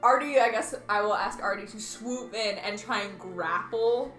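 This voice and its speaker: A woman playing a tabletop game, chatty and excited, often laughing. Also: medium pitch, moderate pace, faint music behind. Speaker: player. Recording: echoey room.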